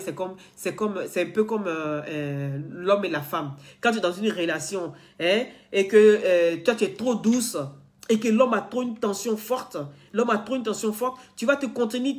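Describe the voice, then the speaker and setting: A woman blogger talking straight to her followers in an earnest, lecturing way, repeating herself and restarting often. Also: mid-range voice. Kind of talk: casual direct-to-camera talk.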